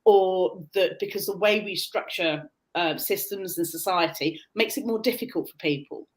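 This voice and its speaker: A British woman who coaches on neurodiversity appears as a guest on a video call, talking at normal speed in a lowish voice. Her answers are earnest and explanatory, punctuated by frequent restarts.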